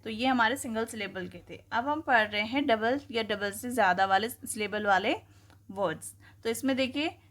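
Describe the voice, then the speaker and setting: A woman's voice: fairly high pitch, a bit bright. A woman teaching grammar, asking questions and answering them herself. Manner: explains slowly, asking and answering her own questions. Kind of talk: classroom-style lesson.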